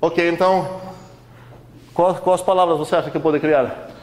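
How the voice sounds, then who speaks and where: A man's voice: a little high, fairly even intonation, moderate pace, darkish tone. A man lecturing a university class in a conversational way, questioning the students often, with many fillers.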